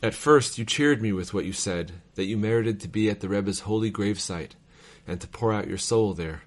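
A man with a somewhat low voice reads letters aloud. His delivery is measured and formal, with the steady cadence of devotional reading. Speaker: reader of devotional texts.

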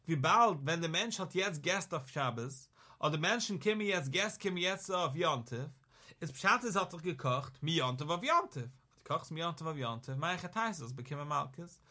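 A man's voice: a little high, lively intonation, normal speed, bright, forceful tone. A man explaining a page of Talmud in a chanting study-hall manner, rising and falling for emphasis. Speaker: Talmud teacher. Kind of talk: Yiddish-style Talmud lesson.

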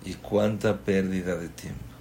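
A man's voice: deep voice, fairly even intonation, unhurried, dark tone. A man, a rabbi giving a Torah class as a sermon, impassioned and asking strings of rhetorical questions.

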